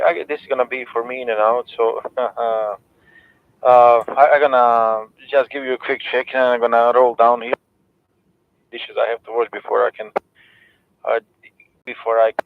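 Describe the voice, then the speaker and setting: A man's voice: mid-range voice, creaky, no room sound. A man checking in on an amateur radio net. He talks casually and hesitantly with many fillers, and his glitching audio keeps cutting out. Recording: tinny, dry two-way radio audio.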